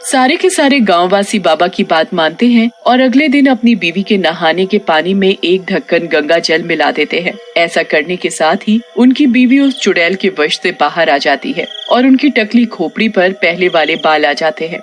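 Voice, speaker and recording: Over faint background music, a narrator reads scripted lines of a story with lively intonation. The voice is middle-pitched, with a moderate pace and hardly any pauses.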